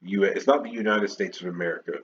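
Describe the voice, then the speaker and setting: A man hosts his own podcast solo, talking fast in a low, steady voice. His chat is unscripted and opinionated, rambling along with lots of fillers and restarts. The highs are cut off and there's slight background noise.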